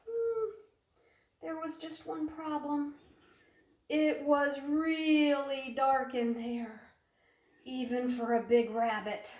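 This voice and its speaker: Recorded from a distance in a roomy, reverberant space, a high-voiced woman reads a storybook aloud to children. She takes her time, drawing words out dramatically and pausing to ask the little ones questions.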